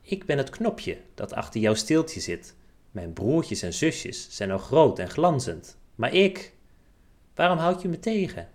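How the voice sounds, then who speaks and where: A man voicing a small, shy young tree bud in a children's storybook, speaking softly and plaintively. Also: mid-range voice, sing-song, a little slow, voice pushed up. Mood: pleading. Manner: soft and plaintive.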